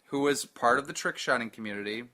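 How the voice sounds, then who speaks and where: A man's voice: medium pitch, fast talker. A man co-hosting a podcast, telling profane stories in a casual chat and mimicking other people's voices as he retells them. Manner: animated, profane storytelling. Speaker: podcast co-host.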